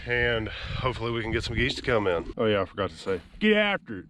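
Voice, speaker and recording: A man's voice: lowish voice, fast, fairly bright tone. A man casually narrating a hunting vlog outdoors, chatty and easygoing, explaining things as he goes on an action camera. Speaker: hunting vlogger. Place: outdoors in a rural field.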